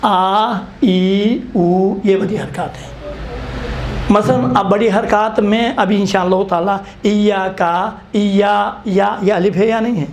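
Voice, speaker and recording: A man's voice: sits high, fairly even intonation. A man teaching a Quran recitation class, patiently spelling out vowel sounds one by one.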